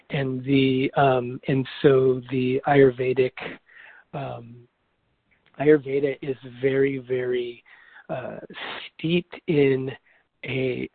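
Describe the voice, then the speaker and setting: A man in his late forties, a yoga teacher and doctor, answering interview questions in a reflective, halting way with many restarts. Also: medium pitch, gravelly, husky, no echo. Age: 40s. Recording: dry, tinny phone line.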